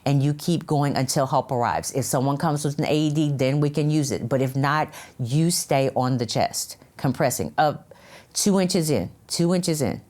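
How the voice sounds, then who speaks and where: An American woman with a slightly low voice explains CPR step by step. She speaks emphatically and repeats her key phrases to drive them home. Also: moderate pace, a little mellow. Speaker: CPR instructor. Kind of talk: casual instructional chat.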